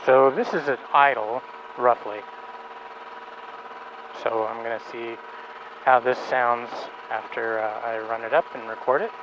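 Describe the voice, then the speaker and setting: A man's voice: mid-range voice, fairly even intonation, a little slow, pauses often. A man piloting a small aircraft, narrating casually and making terse radio calls, with dull lo-fi sound. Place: small aircraft cockpit with engine running. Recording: dull lo-fi cable audio, loud engine noise.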